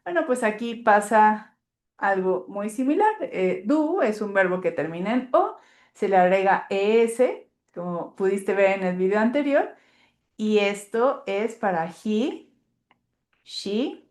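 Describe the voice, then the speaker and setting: A woman teacher patiently explaining English grammar step by step, with a clear, teacherly manner and the odd "eh". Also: mid-range voice, expressive, unhurried, a little mellow, roomy sound.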